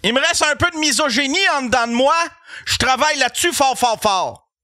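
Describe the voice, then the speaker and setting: A man with a Québécois accent, a podcast host telling a comic story in an animated, profane way and laughing as he goes. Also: very high voice, brisk, no room sound, clean studio sound. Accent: Québécois French.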